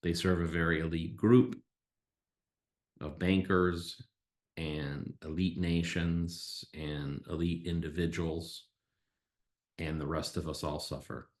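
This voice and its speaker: Podcast host, male, low voice, emphatic opinionated explainer who poses his own questions, recorded in an echoey room. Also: little pitch movement, slow. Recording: roomy, echoey sound.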